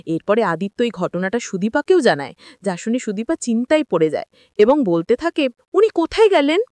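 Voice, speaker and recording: In a medium-pitched, slightly mellow voice, a woman narrates a scripted recap of a TV serial episode at a moderate pace, moving through the scenes and performing the dialogue. She sounds animated, and the recording has no room sound.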